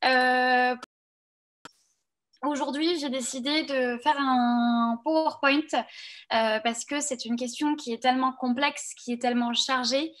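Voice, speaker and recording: A woman career coach presenting a webinar over a video call, talking loosely with many fillers. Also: sits high.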